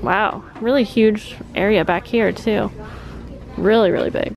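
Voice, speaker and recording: With a mid-range voice, a little slow and marked by vocal fry, this vlogger hosts a chatty shop-along through a big discount store. She talks to her viewers informally and warmly about her haul, over the noisy ambience of the store.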